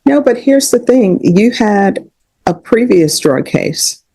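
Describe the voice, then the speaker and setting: A woman's voice: medium pitch, expressive, mellow, breathy edge, no room sound, low-quality recording. Firm woman judge, dry courtroom sound. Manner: firm, measured, questioning. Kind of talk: courtroom sentencing.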